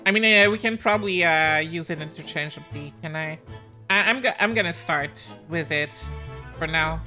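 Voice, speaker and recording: A woman's voice: low voice, moderate pace, pushed and bright, faint music behind. A woman chatting casually as host while she voice acts through a video game. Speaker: host of a game dubbing series.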